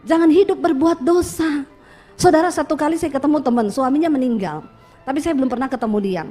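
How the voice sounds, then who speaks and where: High-voiced woman preaching a sermon. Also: fairly quick, faint music behind. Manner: lively storytelling sermon with quoted voices and rhetorical questions. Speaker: pastor.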